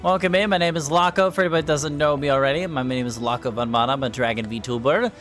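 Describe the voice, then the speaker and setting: A man's voice: fairly high pitch, racing, fairly bright tone, faint music behind. A man hosting a tabletop game livestream as dungeon master, with a playful, theatrical way of talking. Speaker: dungeon master and stream host. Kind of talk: livestream hosting, casual chat.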